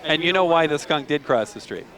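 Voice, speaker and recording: A male broadcast host with a somewhat higher voice, talking live from outdoors. He chats easily, asks questions, and slips in jokes and puns. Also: lively intonation, brisk, fairly bright tone. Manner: chatty, joking, asks leading questions. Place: outdoors at a race event.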